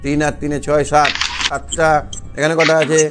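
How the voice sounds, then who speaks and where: A man's voice: on the high side, completely flat delivery, moderate pace, music in the background. A man teaching an online math lesson, patiently asking questions and answering them himself. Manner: patient, asks and answers his own questions. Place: online class on a video call.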